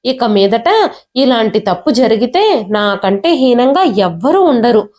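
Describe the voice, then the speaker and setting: A woman's voice: on the high side, very animated, measured pace, a little mellow. A woman voicing an angry, domineering young wife who harshly scolds her sister-in-law in a storybook reading. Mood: resentful.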